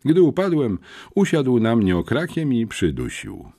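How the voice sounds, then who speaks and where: An older man with a husky voice narrating an audiobook in an animated storytelling manner. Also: measured pace. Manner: animated storytelling, lively shifts in pitch. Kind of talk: scripted narration.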